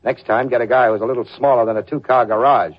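A man's voice: mid-range voice, steady tone, fast, close to an everyday voice. An actor playing a tough, sardonic, wisecracking male private detective in slangy 1940s radio drama style. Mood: menacing. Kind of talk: 1940s hardboiled radio acting and narration. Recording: dull lo-fi old radio recording.

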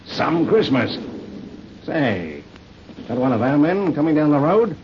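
A man's voice: fairly high pitch, sing-song, unhurried. An actor playing a slangy, emphatic army captain who looks after his comrade in a radio war drama. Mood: brisk, concerned. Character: army captain, gruff but fatherly, anxious comrade. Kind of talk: old-time radio war drama acting. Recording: muffled vintage radio recording, faint noise.

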